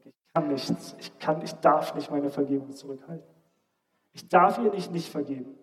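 A man with a fairly high voice delivers a sermon built around a personal story, addressing the congregation directly. His delivery swings from loud, insistent emphasis to quiet, nearly whispered lines. The long tail of a large hall follows every phrase. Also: normal speed. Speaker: preacher.

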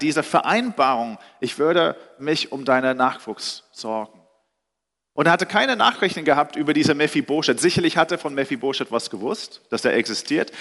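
A male preacher retells a scripture story, animated and expressive, often speeding up or slowing down. His voice sits slightly high. A long hall reverb trails behind it. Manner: storytelling, animated, with shifting pitch and pace.

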